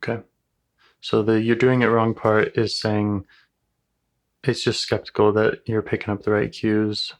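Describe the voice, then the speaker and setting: A male therapist speaks calmly and gently, reflecting his client's words back to her. His voice sits low and stays level, with little rise or fall. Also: a little slow, long pauses. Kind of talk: live therapy session.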